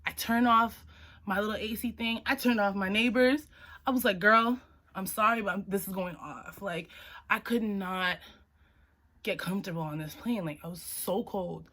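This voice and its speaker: Animated young woman telling a story. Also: moderate pace. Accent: Boston area. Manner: animated, jumps high when acting out her own quotes. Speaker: vlogger. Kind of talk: casual storytelling.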